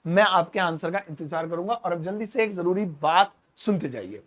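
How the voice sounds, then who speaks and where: Male English teacher, high voice, quizzes himself aloud, drags out example phrases slowly. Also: expressive. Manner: asks questions and answers them himself; slows down to spell out English phrases. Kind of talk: spoken English lesson explained in Hindi. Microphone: speaking to camera.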